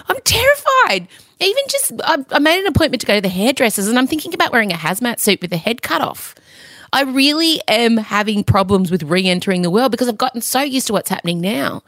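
Animated middle-aged Australian woman, theatrical and comic. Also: medium pitch, no echo. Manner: theatrical, mock-outraged exaggeration. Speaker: podcast host. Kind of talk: comic personal monologue to listeners.

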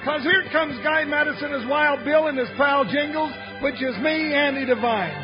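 An actor playing a plump, good-natured deputy sidekick in a 1950s radio western, with a folksy, rustic, exclamatory way of talking. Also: male voice, very high voice, normal speed, music in the background. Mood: hearty, excited. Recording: muffled old radio broadcast.

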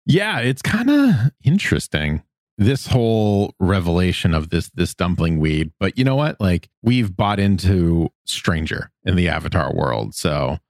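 A man's voice: sits low, very animated, a little slow, a little mellow, no room sound, studio quality. A man co-hosting a podcast, talking in a chatty, enthusiastic way full of filler words. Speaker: podcast co-host. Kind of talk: casual chat.

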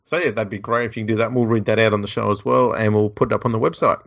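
A man's voice: lowish voice, steady tone, racing, gravelly, a bit bright, highs cut off. An Australian man co-hosting a podcast in casual chat, with a laconic, slangy drawl. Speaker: podcast co-host.

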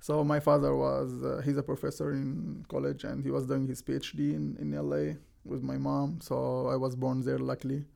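A man's voice: mid-range voice, monotone, normal speed, vocal fry, hardly any pauses, darkish tone. A young man from Egypt with an Egyptian accent, a soccer player answering interview questions in plain, earnest English with restarts. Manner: plain, earnest, simple non-native phrasing with restarts. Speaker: guest, professional soccer defender.

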